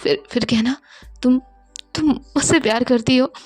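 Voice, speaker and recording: A woman's voice: high-pitched, moderate pace, a little mellow, faint music behind. A woman doing a tearful stammering young woman. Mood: tearful pleading. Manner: stammering, repeating words. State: crying. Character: young woman, tearful, pleading with her lover.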